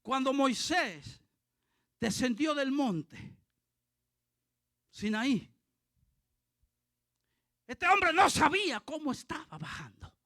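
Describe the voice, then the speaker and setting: A male pastor preaching a fervent sermon, dotting it with hallelujahs and rising to shouts. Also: very high-pitched, very animated, slow pace, pauses often, no room sound, studio quality. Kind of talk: impassioned sermon.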